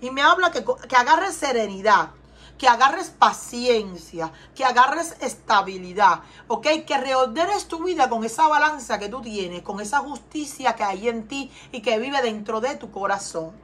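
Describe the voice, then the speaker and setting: High-voiced Cuban woman reading tarot. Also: animated, unhurried, a bit bright. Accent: Cuban Spanish. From Cuba. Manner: earnest, repeats questions and asks viewers to respond. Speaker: tarot reader. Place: home in Texas.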